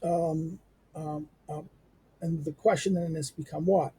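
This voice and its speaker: A middle-aged man giving an unscripted lecture on a text, halting with many fillers, restarts and rhetorical questions. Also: fairly high pitch, fairly even intonation, warm tone, a little hiss or hum.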